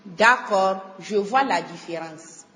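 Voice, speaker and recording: A woman co-presenting a scripted radio lesson, reading her lines in a slow, measured way. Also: medium pitch, bright, forceful tone, slight background noise. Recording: reverberant hall sound.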